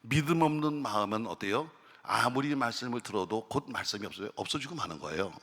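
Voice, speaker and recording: Bright-voiced male pastor in a reverberant hall. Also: mid-range voice, animated, brisk. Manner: conversational, asks the congregation questions. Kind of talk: sermon. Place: prayer retreat chapel.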